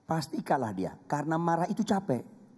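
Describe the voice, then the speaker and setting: A man's voice: a little high, big pitch swings, brisk, darkish tone, husky. A man with an Indonesian accent, a pastor preaching an emphatic, humorous sermon that repeats phrases for effect. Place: church. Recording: long reverb of a church hall.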